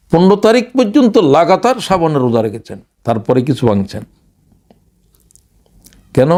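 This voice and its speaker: A man's voice: mid-range voice, dark tone. Male lecturer, impassioned religious talk with big swings of emphasis. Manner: dramatic, rising to exclamations, slows to recite quotations. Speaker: Islamic lecturer, former English teacher.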